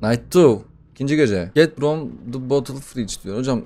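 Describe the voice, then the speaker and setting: A young man doing casual gaming commentary, excitable and profane, bantering with the game as he plays a horror title. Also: mid-range voice, moderate pace, slight background noise. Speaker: gaming YouTuber.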